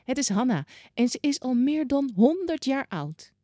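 A woman narrating a children's Bible story in a clear, child-directed way. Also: high-pitched, big pitch swings, normal speed, dark tone, dry recording, studio quality.

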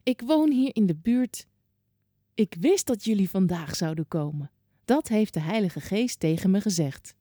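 Storybook part: a soft-spoken old man, read by a woman, mellow and dry. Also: medium pitch, expressive, measured pace, no room sound. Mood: gentle. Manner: gentle, polite, softly spoken. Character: devout old man, gentle and moved. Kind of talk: children's Bible story reading.

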